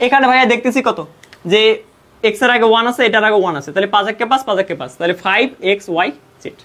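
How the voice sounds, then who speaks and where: Young bangladeshi guy tutoring math, talks quick, keeps asking then answering himself. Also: high-pitched, fairly bright tone. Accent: Bangladeshi Bengali. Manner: explains step by step, asks and answers own questions; mixes English math terms into Bengali speech. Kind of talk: casual online math lesson.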